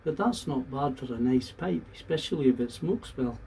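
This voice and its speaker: A man from the talks to viewers in a casual, unhurried, plain-spoken and earnest monologue. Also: mid-range voice, animated, vocal fry, a little mellow. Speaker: vlogger. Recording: distant mic, faint background noise.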